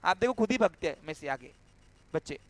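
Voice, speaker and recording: A man's voice: sits high, animated, fairly quick, fairly bright tone. A man teaching an accountancy class, explaining entries step by step and checking often that the students follow. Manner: acts out a cash handover with a student. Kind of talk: classroom lecture.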